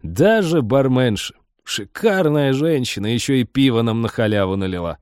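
A man voicing a brash, tipsy young spaceship pilot who talks slangy and loud. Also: medium pitch, animated, moderate pace, clean tone, no echo, studio quality, voice pushed up, close to an everyday voice. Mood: smug. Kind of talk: audiobook character voice.

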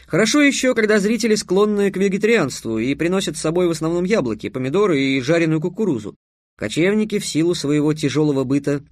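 A man reads a novel aloud in a steady, wry storytelling voice. His pitch sits a bit high for a man, and the sound is dry and close with no room echo. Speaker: audiobook narrator. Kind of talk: scripted narration.

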